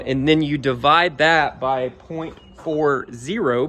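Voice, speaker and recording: Relaxed middle-aged man explaining his yard setup. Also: medium pitch. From Georgia, US. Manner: relaxed, rambling with many ums. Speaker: home DIY vlogger. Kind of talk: casual how-to walkthrough. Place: outdoors in a yard.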